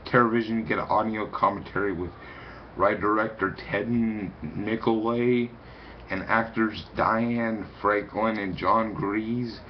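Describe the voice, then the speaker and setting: Young man, deep low voice, slow unhurried talk, repeats himself, dull webcam sound. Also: a little hiss or hum. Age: young adult. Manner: rambling, repeats words, reads blurbs haltingly. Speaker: video reviewer. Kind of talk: casual to-camera review. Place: small room indoors.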